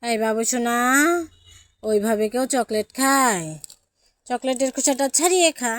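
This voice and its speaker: A woman's voice: on the high side, a little slow, no echo. A woman talking to her baby in playful, coaxing, sing-song baby talk.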